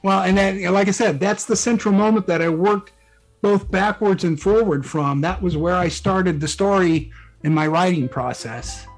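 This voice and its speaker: A man appears as a guest author in a casual interview, explaining things conversationally in a high-pitched voice at normal speed. The recording is rough, with music playing under the talk.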